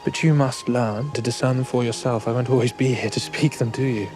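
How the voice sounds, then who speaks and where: An actor playing a wise, gentle elf man in a fantasy series, teaching a child in an unhurried, thoughtful way. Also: mid-range voice, steady tone, over music.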